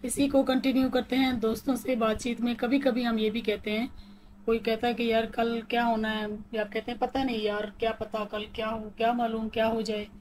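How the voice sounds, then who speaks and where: A woman teaching English phrases in Hindi-Urdu. She reads each phrase slowly, repeats it, and says she is reading a bit robotically. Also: on the high side, flat delivery, a little mellow, slight background noise, poor audio. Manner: calls her own reading a bit robotic.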